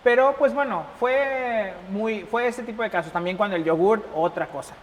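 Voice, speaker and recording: A young Mexican man with a Mexican accent, chatting casually as an interview guest and telling stories with lively acted-out dialogue. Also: high voice, normal speed. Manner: animated, acts out quoted dialogue, laughs often. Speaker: embassy chef, interview guest. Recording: reverberant room with faint noise.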